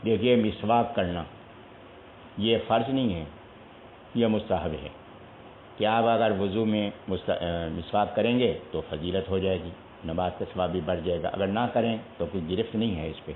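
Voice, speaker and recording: A man's voice: sits low, slight background noise. A man teaching a Quran recitation lesson, patiently spelling out pronunciation syllable by syllable. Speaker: religious teacher. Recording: echoey tinny lo-fi broadcast audio.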